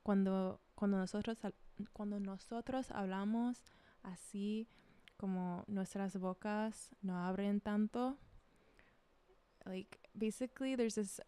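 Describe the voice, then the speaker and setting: A woman's voice: medium pitch, fairly even intonation, a little slow, dark tone, smooth. A young woman chatting casually while she works, rambling off on tangents and switching between English and Spanish as a learner. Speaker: vlogger preparing DJ sets. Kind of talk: casual chat while working.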